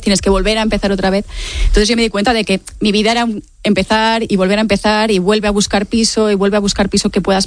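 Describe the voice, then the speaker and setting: With a mid-range voice and no room sound, a Mallorcan author in her late forties answers interview questions. She has a Spain Spanish accent and explains her thoughts reflectively, frequently using tag questions.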